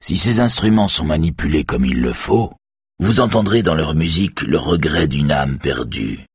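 A man's voice: very deep voice, lively intonation, normal speed, slightly rough, no room sound, exaggerated voice. A man voicing a sinister male collector who keeps his menace tightly controlled behind a smile, read in an audiobook. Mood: cold. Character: sinister smiling male collector, cold host.

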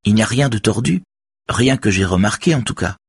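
A soft, hesitant teenage girl confides in low tones, her voice sitting higher than the reader's own, as a man acts her out. The sound is husky and close, with almost no room around it. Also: lively intonation, fairly quick, dry recording, heavily acted. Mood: confiding. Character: teenage girl, quiet and earnest.

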